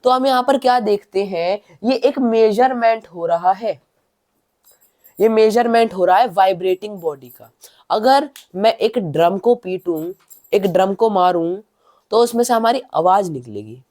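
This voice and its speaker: A male tutor giving a science lesson. He asks rhetorical questions and then answers them, repeats phrases, reads English definitions slowly word by word, and lets his voice fall quietly at the ends of sentences. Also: sits high, animated. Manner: demonstrates by speaking louder and softer.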